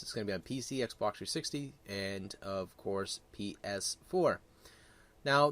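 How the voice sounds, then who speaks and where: A man giving casual, opinionated gaming commentary in a crude, blunt, rambling way, often correcting himself. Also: medium pitch. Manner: rambling, self-correcting delivery.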